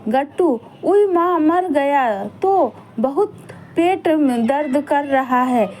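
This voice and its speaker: A woman's voice: sits high, animated, takes it slowly, darkish tone, a little hiss or hum. A woman voicing a spoiled, greedy young boy who whines and makes demands. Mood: whining. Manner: whiny, demanding.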